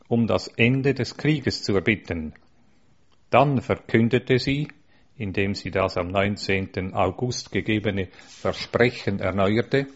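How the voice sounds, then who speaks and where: Male narrator, lowish voice, earnest measured reading of a devotional text, dull lo-fi recording. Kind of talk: reading a religious account aloud.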